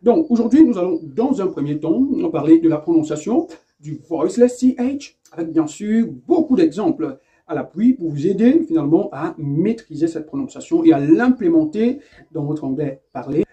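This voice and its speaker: A man gives a video pronunciation lesson, slowly stretching and repeating each example word and adding light jokes at his own expense. His voice sits a little high yet sounds very dark and mellow. The recording is dull and muffled. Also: animated. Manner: slow, drawn-out model words, repeated for practice; self-mocking, lightly humorous asides. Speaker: English pronunciation teacher. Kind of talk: video lesson explaining in French with English examples.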